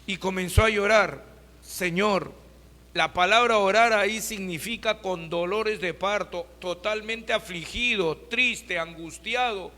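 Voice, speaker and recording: A man's voice: high voice, unhurried, pushed and bright, in a large hall. A pastor delivering a sermon, who keeps asking his listeners rhetorical questions and calls them brothers. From Peru.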